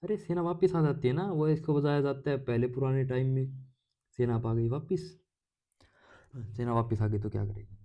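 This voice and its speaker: A man's voice: mid-range voice, moderate pace, lo-fi sound. A man teaching English idioms in a casual lecture. He asks his own questions and answers them, with playful jokes along the way. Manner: explains by asking questions and answering them himself; jokey, playful asides while explaining.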